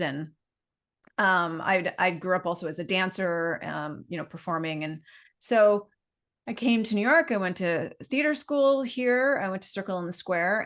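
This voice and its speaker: A middle-aged woman with a Canadian accent and a lowish, slightly bright voice is interviewed as a business owner. She tells her story in a chatty, meandering, informal way.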